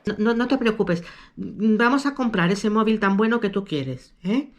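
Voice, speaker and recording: A woman's voice: medium pitch, lively intonation, a little slow, dull audio. A woman in a comedy sketch, playing a doting mother who fusses over her son and grows indignant on his behalf. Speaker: comic actress playing an indulgent modern mother.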